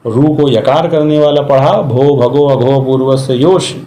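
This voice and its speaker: A man's voice: medium pitch, steady tone, a little slow, dark tone, echoey room. A man giving a methodical classroom lecture on Sanskrit grammar, explaining step by step with examples. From India.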